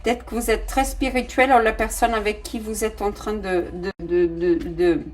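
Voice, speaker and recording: A woman's voice: medium pitch, steady tone, moderate pace, darkish tone, faint music behind. Woman, tarot reader, casual reading, hesitant delivery, non-native accent. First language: not French. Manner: hesitant, many fillers and restarts, addresses viewers directly.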